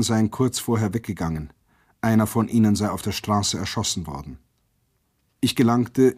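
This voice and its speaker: A man reading a first-person literary account aloud, grave and intense, rising sharply at the quoted shouts. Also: fairly low pitch, breathy edge. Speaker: narrator.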